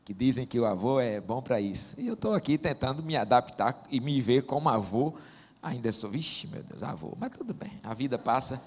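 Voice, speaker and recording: This Northeast Brazilian preacher, also in his forties, gives his sermon with a mid-range, breathy-edged voice at a moderate, animated pace. He spins folksy, joking stories warmly, and the sanctuary's long hall reverb lingers around his words.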